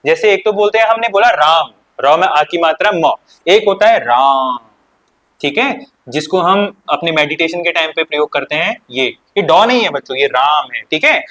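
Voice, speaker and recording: A man's voice: fairly high pitch, lively intonation, normal speed, a bit bright. A male teacher giving an exam-prep grammar lesson who asks questions and answers them himself, repeating key points. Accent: Uttarakhand Hindi.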